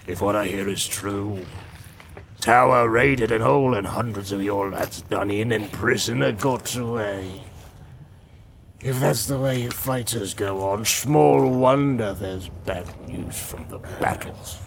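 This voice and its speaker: A man voicing a sullen male orc tracker who mutters complaints and snarls back in a gravelly voice. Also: lowish voice, slow pace. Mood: sullen grumbling. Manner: muttering and grumbling, flaring into snarls.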